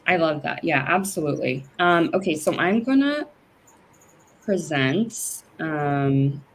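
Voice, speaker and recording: A low-pitched woman speaks as the guest on a video call interview. She talks chattily in an easy, conversational flow, with plenty of fillers and restarts along the way. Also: animated, slow pace, a little hiss or hum. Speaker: company president, guest.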